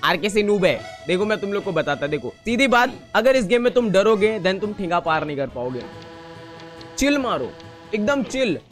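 A man's voice: high-pitched, very animated, normal speed, a bit bright, faint music behind. A man doing a cocky laid-back alter ego. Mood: boastful. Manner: boastful, mocks his usual self.

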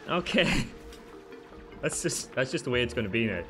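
A man's voice: lively intonation, quick pace, fairly bright tone, soft background music. Frantic swearing gamer man. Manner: frantic, swearing, talks to himself and viewers; pitch jumps up sharply when panicking. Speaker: gaming channel host. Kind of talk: let's play commentary.

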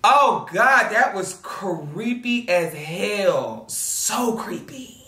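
A young man hosting a movie reaction video, loud and dramatic, swearing and shrieking at the screen. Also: sits high, very animated, very slow, roomy sound, distant mic.

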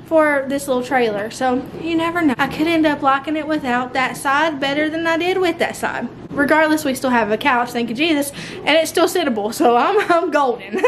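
This homemaking vlogger from the United States has a high voice, with slight background noise in the clip. Holding the camera at arm's length, she chats casually and ramblingly indoors in her mobile home's open-plan living room and kitchen.

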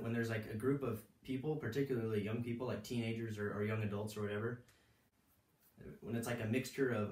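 A man with a lowish voice tells a personal story, looping back and restarting his sentences. The room is roomy and echoing. The mic sits some distance from him. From United States. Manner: rambling, many restarts and fillers. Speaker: vlogger giving life advice. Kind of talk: casual storytelling monologue.

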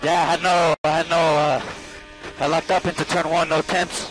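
A racing driver, a man, talks to his engineer over the helmet radio, his voice pitched a little high. He speaks loud and blunt, swearing freely. Faint music sits behind him. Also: little pitch movement, moderate pace, rough recording. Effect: team radio from inside the car's helmet.

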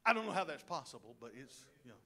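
A middle-aged male pastor preaching a sermon in a church, animated and joking, with asides to the congregation. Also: mid-range voice, quick pace. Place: church sanctuary.

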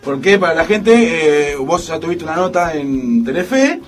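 Argentine radio cohost, high lively voice, sounds off mic, faint music. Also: male voice, measured pace, far from the mic. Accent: Argentine Spanish. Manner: animated, complaining, laughs between words. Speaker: radio co-host. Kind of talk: casual radio banter. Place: radio studio.

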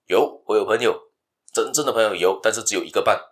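A man voicing a wise father who tests his son, calm and instructive. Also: fairly low pitch, quick pace, lightly acted. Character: wise, testing middle-aged father.

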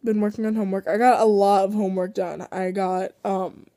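A teenage girl vlogging her day while sick and congested, rambling with lots of pauses and fillers. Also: medium pitch, little pitch movement, dark tone, no room sound, clean studio sound. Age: teens. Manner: rambling, many ums. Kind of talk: casual daily vlog.

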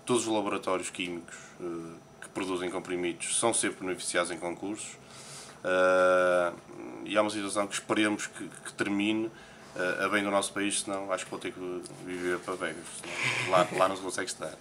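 A Portuguese poker player, speaking with a European Portuguese accent, gives a casual morning interview in Las Vegas and reacts to newspaper headlines with frequent hesitations. He talks briskly in a low, level, fairly bright voice, and there's a little hiss or hum.

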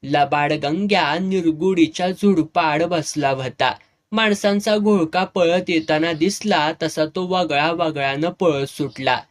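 Man, slightly higher voice, storyteller, dramatic reading. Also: takes it slowly. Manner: dramatic, raising voice for shouted dialogue. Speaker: narrator. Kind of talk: serialized novel reading with voiced dialogue.

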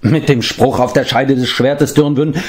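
A man voicing a jovial, talkative bard who declaims with lively emphasis in a storybook reading. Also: medium pitch, measured pace, voice pushed up, lightly acted. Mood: hearty.

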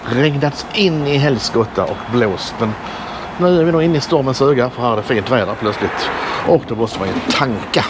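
A man's voice: medium pitch, expressive, noisy background. Chatty middle-aged man filming his road trip. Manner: chatty, enthusiastic tour-guide commentary. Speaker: travel vlogger. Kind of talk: casual travel vlog narration. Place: outdoors and in a roadside rest stop, walking. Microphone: action camera held at arm's length.

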